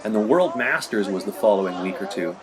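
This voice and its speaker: Rambling low-voiced man narrating fight footage. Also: animated, fairly quick, a crowd in the background. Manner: rambling, conversational, peppered with "you know". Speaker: martial arts competitor narrating his match footage. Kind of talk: casual narrated commentary over video.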